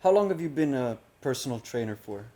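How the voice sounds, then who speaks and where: A young man hosting a casual podcast interview, relaxed and conversational. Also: mid-range voice, brisk. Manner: relaxed, conversational, asks questions. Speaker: podcast host.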